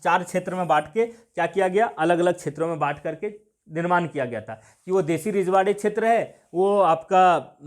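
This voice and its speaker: A man teaching an exam coaching class, who keeps repeating points and asks his own questions before he answers them, with a Jharkhand Hindi accent. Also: high-pitched. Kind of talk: classroom lecture.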